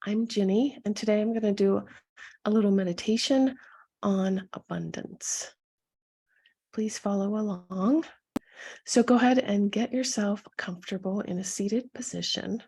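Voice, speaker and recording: Speaking gently with a husky, medium-pitched voice, a woman coaches listeners through a guided meditation. Her instructions come slowly and soothingly, with pauses along the way, all in a soft tone.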